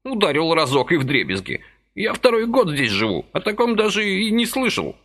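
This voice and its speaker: A jittery, fussy little old man, voiced by a male reader, his voice pitched high above the reader's own and swooping all over. He sounds indignant and eager by turns, an audiobook character full of nervous energy. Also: huge pitch swings, moderate pace, fairly bright tone, exaggerated voice.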